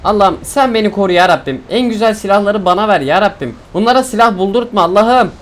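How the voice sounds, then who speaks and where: A young man from Turkey giving excitable, joking commentary while he streams a game, complaining loudly and then muttering low. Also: quick pace. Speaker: gaming streamer. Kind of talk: casual gameplay commentary. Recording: faint game noise and gunfire behind.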